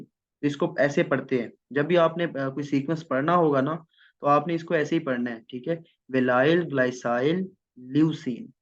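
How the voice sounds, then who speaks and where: Man, lecturing on biochemistry, slightly high voice, dull lo-fi sound. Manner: explains step by step, often checks in with "theek hai". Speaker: biochemistry teacher. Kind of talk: classroom lecture. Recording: dull lo-fi recording.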